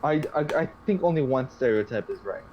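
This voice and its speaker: A man's voice: mid-range voice, expressive, fairly quick, slight background noise. Laughing man on a dull lo-fi mic. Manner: laughs often, hesitant with fillers. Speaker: podcast co-host. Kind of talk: casual chat.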